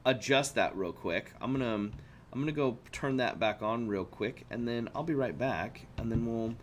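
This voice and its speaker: A man's voice: medium pitch, normal speed, slight background noise. Rambling man hosting a stream. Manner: rambling, many fillers and restarts. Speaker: streamer host. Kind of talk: casual live-stream chat.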